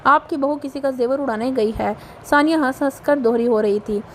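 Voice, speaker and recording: A woman with a Pakistani Urdu accent reading a romance novel aloud, voicing every character in a lively way. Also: high voice, moderate pace, a little hiss or hum. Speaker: audio novel narrator.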